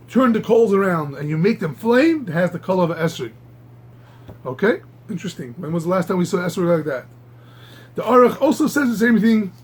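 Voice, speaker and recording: A man teaching a Talmud class, halting and repeating words, marveling aloud at the texts. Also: high-pitched, slightly rough. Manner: halting, repeats words while reaching for the next; animated, marvels aloud at the text. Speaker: Torah teacher.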